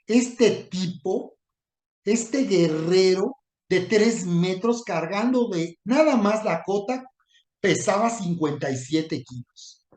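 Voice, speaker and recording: A man's voice: high voice, darkish tone, roomy sound. A man preaching a sermon, retelling a story and voicing mocking taunts with dramatic emphasis.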